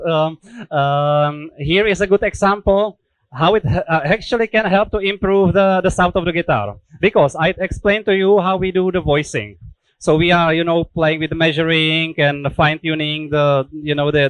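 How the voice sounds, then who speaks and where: A thirty-something Czech man explains, in English, how guitars get built during a factory tour, his headset-mic delivery full of restarts and filler words. The setting is an indoor guitar workshop, his voice is fairly high, and the rough recording carries no echo.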